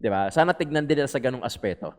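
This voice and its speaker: A man's voice: mid-range voice, lively intonation, quick pace, darkish tone. Filipino man rambling in casual commentary. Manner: rambling, mixes Tagalog and English, repeats "di ba?". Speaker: political vlogger.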